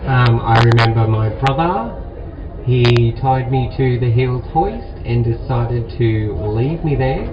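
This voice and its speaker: A man recounts a childhood mishap in a plain, halting way. He sounds far from the mic, with a roomy echo and street noise around him. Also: mid-range voice, expressive. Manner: plain anecdotal telling with fillers. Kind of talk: recalling a childhood memory. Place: outdoor city square. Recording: distant, echoey, dull.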